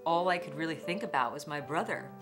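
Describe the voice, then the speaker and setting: A woman's voice: deep voice, fast talker, loud music behind the voice. A woman speaking candidly and reflectively in a documentary interview. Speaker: interviewee telling her story. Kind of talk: personal documentary testimony.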